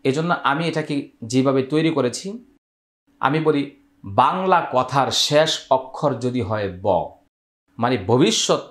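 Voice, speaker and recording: A man teaching Quran recitation rules, explaining each step and drawing out the Arabic words slowly. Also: medium pitch, reverberant.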